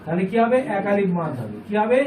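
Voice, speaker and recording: High-voiced man teaching in an echoey room. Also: sing-song, fast talker. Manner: patient, repeats points and asks the class questions. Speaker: Quran reading teacher. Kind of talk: classroom lesson. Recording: echoey room, distant mic, faint noise.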